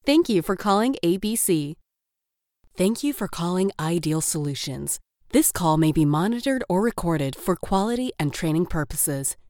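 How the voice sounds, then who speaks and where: A woman's voice: on the low side, lively intonation, moderate pace, darkish tone, no room sound, studio quality. A woman reading scripted phone menu greetings in a polite customer-service manner. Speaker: phone menu voice-over artist.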